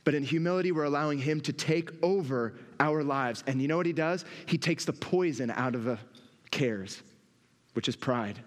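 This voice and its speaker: A man preaching a sermon as pastor, expressive and animated, acting out the inner voices of his listeners. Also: a little high, moderate pace. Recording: long reverb from a church hall.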